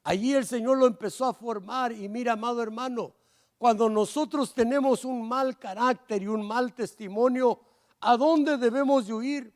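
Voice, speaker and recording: A man preaching a sermon as pastor, swinging between loud fervent pleas and low quiet asides. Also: moderate pace.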